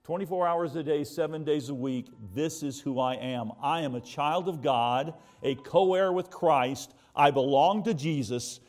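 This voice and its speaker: Faint music plays behind an American preacher whose fairly high, darkish voice moves a little slowly, with hardly any pauses. His sermon is conversational, full of rhetorical questions and emphatic repetition.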